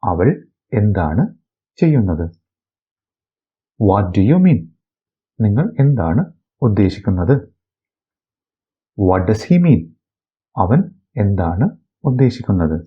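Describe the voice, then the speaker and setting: A man from Kerala, reading out practice sentences for a lesson. His voice is husky and fairly low, and he lets the pitch rise and fall a great deal. Each line comes very slowly and deliberately on a dull, lo-fi recording. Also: expressive. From Kerala, India. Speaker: English teacher. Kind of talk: bilingual phrase-by-phrase lesson.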